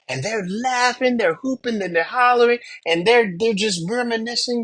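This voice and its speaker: A middle-aged American military veteran and pilot recounts episodes from his life in a slightly high, husky voice, recorded dry. He speaks emphatically, repeating phrases and asking rhetorical questions.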